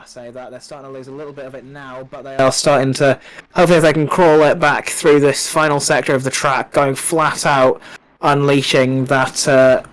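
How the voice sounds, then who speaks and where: A man's voice: medium pitch, poor audio. A man commentating a live sim racing stream, chatty and promotional with many fillers. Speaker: race commentator.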